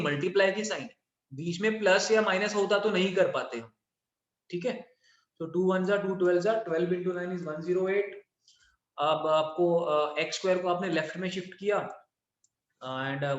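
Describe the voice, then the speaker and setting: A man teaching a math class online, mixing Indian-accented English into Hindi and checking in often with his students. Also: sits high. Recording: very echoey, dull lo-fi.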